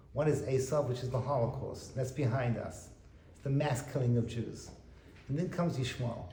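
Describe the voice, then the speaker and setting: Animated rabbi lecturing in an echoey room. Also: male voice, medium pitch, a little hiss or hum. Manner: animated, quotes Hebrew texts and translates. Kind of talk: Torah lecture. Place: private home.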